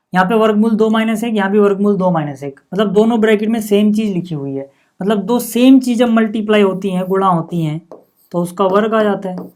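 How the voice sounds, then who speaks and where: Patient maths teacher explaining step by step. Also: male voice, high-pitched, darkish tone. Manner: patient, asks the class rhetorical questions then answers them; frequent checking-in with "okay" and "see". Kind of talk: step-by-step blackboard-style maths lesson.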